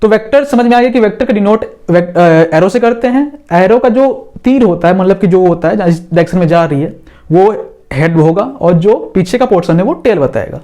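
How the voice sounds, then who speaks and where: A male physics teacher talks a class through a lesson in a high, easy voice. He draws on the board as he explains. He often pauses to check that everyone understands. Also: lively intonation, warm tone. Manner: talks while drawing on a board.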